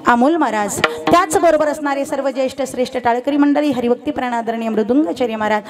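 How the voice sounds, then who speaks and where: A young woman kirtan preacher, giving a loud, animated devotional sermon before a live audience, teasing and telling stories. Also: high voice, quick pace. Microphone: sound system microphone.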